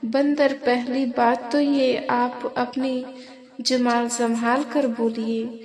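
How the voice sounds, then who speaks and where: A woman's voice: a little high, level tone, slow, a crowd in the background. Woman doing a loving, defiant village mother. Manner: tender, firm.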